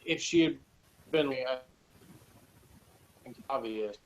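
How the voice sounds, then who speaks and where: Taking it slowly in a medium-pitched voice, a man chats casually as a guest reviewer of TV episodes, thinking aloud tentatively and rambling. The recording is noisy, with noticeable background ambience.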